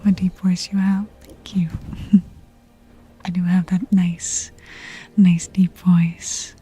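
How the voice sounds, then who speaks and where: Speaking close to an ASMR mic, this woman chats casually with her live viewers in a lowish, soft, breathy voice that often drops to a whisper. Her slow, relaxed murmur feels intimate, with music in the background.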